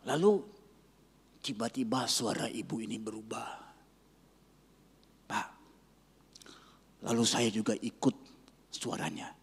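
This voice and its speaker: A man's voice: fairly low pitch, normal speed, long pauses, slightly rough. Man preaching a sermon in a reverberant hall. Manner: storytelling, swings from loud exclaiming to hushed near-whispers. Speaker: pastor. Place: church sanctuary.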